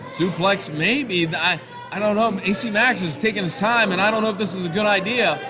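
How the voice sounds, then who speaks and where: A man working as a wrestling commentator, calling the moves live in an excitable, exclamatory way. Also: high voice, normal speed, music in the background.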